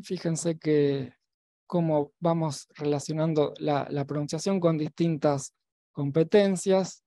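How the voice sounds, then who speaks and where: A man giving an academic talk as a lecturer at a virtual symposium. He pauses and restarts often, with many fillers and tag questions. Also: on the high side, warm tone, no room sound, studio quality. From Argentina. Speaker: university lecturer.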